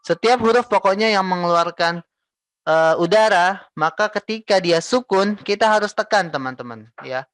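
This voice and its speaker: A young man teaching Quran recitation, patiently repeating and modelling each syllable slowly. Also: fairly high pitch, a bit bright, no echo. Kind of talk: tajweed lesson with recited examples.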